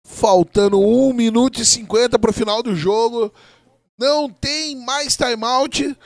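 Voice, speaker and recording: A man's voice: very high voice, fairly even intonation, a little slow, dry recording, studio quality. A Brazilian man giving informal, chatty live commentary on an American football game.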